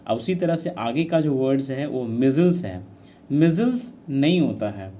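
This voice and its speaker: A man teaching a grammar lesson for exam students, with a voice that rises and falls a lot. He keeps asking "what should it be?" and answers it himself, repeating each key word. His tone is mellow, and faint noise sits behind him. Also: mid-range voice, big pitch swings, a little slow. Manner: asks students questions then answers them; repeats key words for emphasis.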